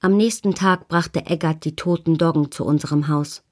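A woman calmly narrating a novel in the first person as an audiobook reader. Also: low voice, normal speed.

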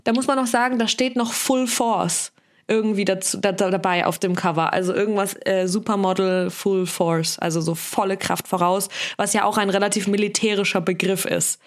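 A woman co-hosting a casual talk, musing in a relaxed, slangy way. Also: mid-range voice, moderate pace. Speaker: podcast co-host. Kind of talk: casual chat.

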